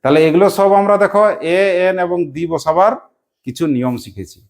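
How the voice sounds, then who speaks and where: A teacher giving a classroom lesson, quizzing pupils with repeated questions and briskly praising correct answers. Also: medium pitch, animated, creaky.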